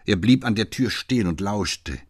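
A man reads literary prose with measured pacing. His voice is very low and husky, recorded dry and close with no room sound. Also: lively intonation, no echo. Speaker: narrator. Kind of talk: audiobook reading.

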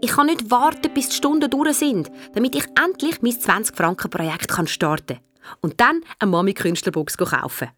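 A woman with a Swiss accent, reading a children's story in the first person with a lively, childlike manner. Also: fairly high pitch, normal speed, soft background music. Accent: Swiss German. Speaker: audiobook reader.

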